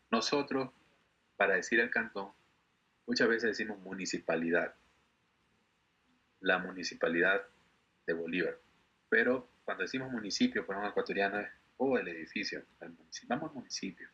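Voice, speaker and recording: Guy teaching over a call, deep husky voice, kinda muffled lo-fi sound. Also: pushed and bright. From Ecuador. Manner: patient, explanatory, repeats words slowly for students. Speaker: English teacher. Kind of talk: online class instruction.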